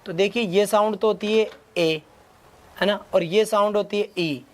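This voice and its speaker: Brisk male teacher urging students on. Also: high voice, steady tone. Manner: rapid Hindi-English mix, urges students with quick questions. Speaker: exam-prep English teacher. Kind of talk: online class lecture.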